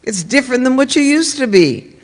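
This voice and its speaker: A woman's voice: high voice, very animated, brisk. Older woman preaching in a church. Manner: earnest, repetitive, conversational. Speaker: minister. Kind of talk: sermon-style talk to a congregation. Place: church sanctuary. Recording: reverberant church hall.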